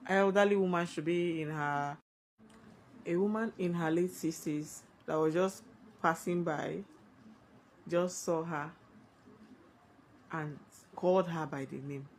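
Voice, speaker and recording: A woman's voice: on the low side, a little mellow, slight background noise, low-quality recording. A woman with a Nigerian accent telling a scary personal story conversationally, emphatically repeating phrases for effect.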